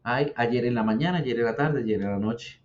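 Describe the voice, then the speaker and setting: A man teaching English pronunciation as a patient teacher who repeats words slowly for the learner. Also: medium pitch, a little hiss or hum. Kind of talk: explaining English grammar and pronunciation. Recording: dull lo-fi sound.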